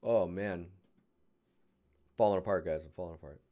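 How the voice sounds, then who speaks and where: A man's voice: low voice, normal speed, dark tone. A man giving casual, rambling live critiques of digital art, thinking aloud as he clicks through images. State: yawning, tired.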